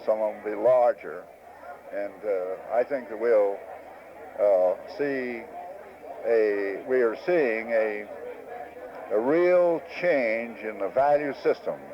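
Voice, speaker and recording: A man in his sixties, a former farm organization leader, giving earnest, reflective answers in an interview with many hesitant pauses. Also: fairly low pitch, slight background noise. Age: 60s. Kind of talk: recorded interview. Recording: muffled old archive tape.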